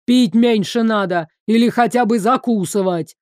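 A woman voicing a hot-tempered young tsarevich who barks insults in a slow, drawn-out way. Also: on the high side, darkish tone, no room sound, clean studio sound, natural voice. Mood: angry. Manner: gruff, barking insults, slow drawn-out delivery.

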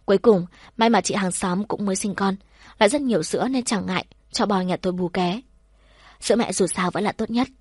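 A woman narrating a first-person story in a soft, measured, heartfelt way. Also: medium pitch, breathy edge, no room sound, studio quality.

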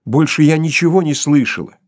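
A man's voice: fairly high pitch, brisk, dry recording, clean studio sound, pitched above the performer's own voice, close to an everyday voice. A man voicing a frightened young woman held captive, pleading in a trembling voice. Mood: desperate denial.

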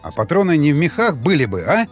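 A man's voice: a little high, very animated, quick pace, soft background music. A man doing a brusque, commanding young survivor. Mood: urgent, brusque.

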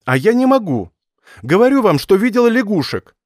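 A man's voice: sits high, big pitch swings, fairly quick, dry recording, studio quality, pitched above the performer's own voice. A man reading an audiobook voices a stubborn, superstitious young woman student, talking in a raised, pleading, headstrong way. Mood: insistent.

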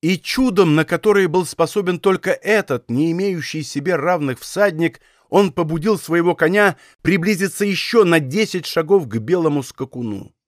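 A man's voice: on the high side, dry recording. Dry-voiced male audiobook narrator. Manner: measured, dramatic storytelling. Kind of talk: scripted narration. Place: recording studio.

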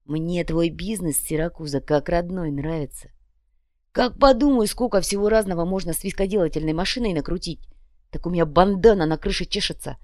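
A woman voicing a short, crude, boastful male red-cap gang boss in an audiobook, talking loud and slangy with a swagger. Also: fairly low pitch, brisk, no room sound, studio quality, natural voice. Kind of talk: audiobook character voice.

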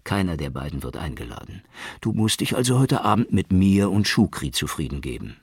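A man's voice: deep voice, very animated, slightly rough, no room sound, studio quality, full character voice. A man voicing an earnest, cautious male police inspector in an audiobook. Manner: earnest, measured.

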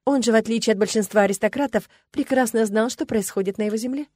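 A woman narrating a first-person story for an audiobook in an even, measured way. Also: fairly high pitch, no room sound, clean studio sound.

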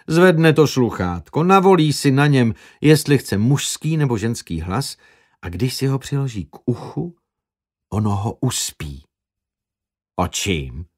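Audiobook: male reader doing soft, earnest young woman, persuasive, lively intonation. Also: mid-range voice.

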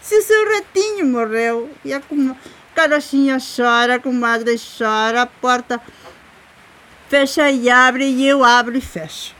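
A woman voicing sad talking doors, birds and trees, slow singsong wail. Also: high-pitched, fairly bright tone. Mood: lamenting. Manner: wailing, singsong repetition. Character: sad talking animals and household things.

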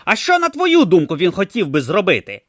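A man voicing a grumpy, sarcastic god stuck in a male tortoise's body, snapping loudly in an audiobook. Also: high voice, wildly swooping pitch, a little fast, no room sound, clean studio sound, pitched above the performer's own voice, full character voice. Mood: irritated. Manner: snappish, loud, exasperated. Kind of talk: audiobook character voice.

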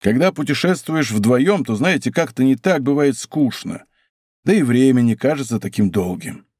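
A man's voice: mid-range voice, lively intonation, normal speed, a little mellow, slightly rough, dry recording, clean studio sound. A man voicing a boastful, good-natured musketeer who talks grandly and plays melancholy.

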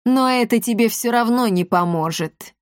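A woman's voice: on the high side, moderate pace, dry recording, studio quality, close to an everyday voice. A woman reading an audiobook, playing a cruel, scornful male emperor who talks with open menace. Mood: menacing.

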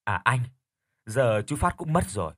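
A man voicing a gentle middle-aged wife who speaks quietly to her husband. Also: mid-range voice, big pitch swings, moderate pace, no room sound, studio quality. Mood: concerned. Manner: quiet, whispering concern.

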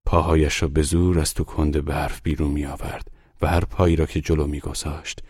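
A man reading a literary short story aloud in slow, measured audiobook narration. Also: very deep voice, a little mellow, no echo, clean studio sound.

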